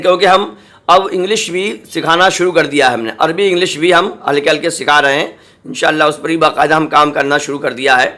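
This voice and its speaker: Bright-voiced man teaching Quran reading. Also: fairly high pitch. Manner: patient, repeats syllables slowly and drawn out; checks in with "samjhe?" and "theek hai". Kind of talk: spelling-out recitation lesson.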